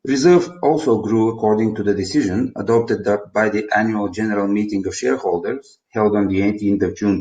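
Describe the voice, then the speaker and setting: In a roomy, echoing recording, a man with a Bulgarian accent presents company finances from a script. He reads the figures formally in a low, slightly mellow voice.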